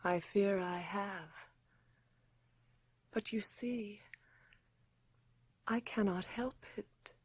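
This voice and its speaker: Carmilla, slow, breathy seductive vampire. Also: female voice, medium pitch, darkish tone, dry recording. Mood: fervent. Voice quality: breathy, husky. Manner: languid, intimate, drawn-out delivery. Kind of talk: 1980s radio drama acting.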